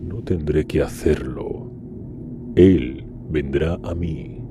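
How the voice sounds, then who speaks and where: In a fan audio drama, a man voices a scarred, ambitious Iron Warrior with a low, measured delivery that sounds bitter and commanding. His mood is determined, and the background is noisy.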